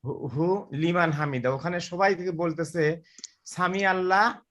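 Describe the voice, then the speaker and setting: Questioning student, slightly high voice. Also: male voice, fairly even intonation, a bit bright. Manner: careful, demonstrates pronunciation slowly. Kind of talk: asking questions in an online class.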